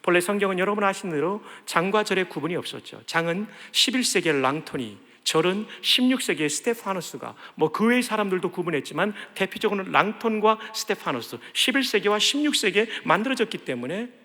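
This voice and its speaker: A man preaching a sermon as a pastor, leading the congregation in call-and-response and swinging between loud exhortation and soft asides. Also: high-pitched, expressive, a little fast, few pauses. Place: large church sanctuary. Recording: long hall reverb of a large church.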